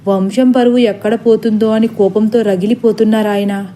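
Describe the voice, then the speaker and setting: A woman's voice: mid-range voice, steady tone, normal speed, mellow, lightly acted. A woman voicing a worried middle-aged father who turns furious at his son, in a storybook reading. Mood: grave.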